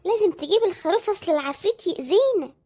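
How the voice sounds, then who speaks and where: A woman's voice: very high voice, expressive, very fast, warm tone. A woman voicing a mischievous young boy in an Egyptian cartoon, eager and pleading with an Egyptian accent. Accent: Egyptian Arabic.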